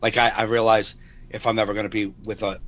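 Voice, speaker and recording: A man's voice: on the low side, flat delivery, fast talker, a bit bright, muffled recording. A man in his forties, a comedian co-hosting a podcast, rambling in casual chat over a video call, repeating himself and swearing freely. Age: 40s.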